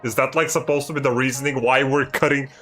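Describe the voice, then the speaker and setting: A man streaming a video game, ranting and swearing in exasperated, loud commentary about the story. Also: medium pitch, steady tone, fast talker, soft background music. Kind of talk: live gameplay commentary.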